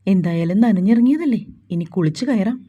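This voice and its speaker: A woman's voice: mid-range voice, expressive, a little fast, phone-quality sound, lightly acted. A woman voicing a stern, protective young man, speaking curtly and bossily. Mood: bossy. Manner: curt, bossy.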